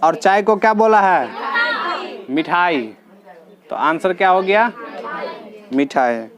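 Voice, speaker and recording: Male teacher, unhurried and patient, faint class chatter behind him. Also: high voice, lively intonation, muffled recording. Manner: slow, patient, addresses students directly, repeats answers. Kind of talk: classroom lesson explaining reasoning questions. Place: classroom with students.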